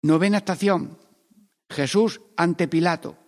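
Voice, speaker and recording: A man leading a Stations of the Cross meditation, praying aloud and swinging between hushed pleas and loud, emphatic lines. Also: on the high side, unhurried, in a large hall. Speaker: priest.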